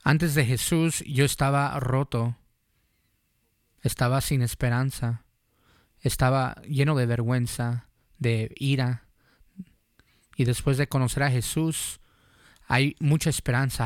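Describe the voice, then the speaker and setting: A man's voice: mid-range voice, no room sound, clean studio sound. A man preaching, telling his own testimony and then making an earnest, urgent altar call to the listener.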